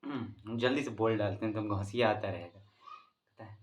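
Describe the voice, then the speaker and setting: Addressing his students directly, this male teacher tells them a joke in a relaxed, playful manner and keeps dissolving into laughter. He has a Bihari accent and a lowish voice at a normal speed.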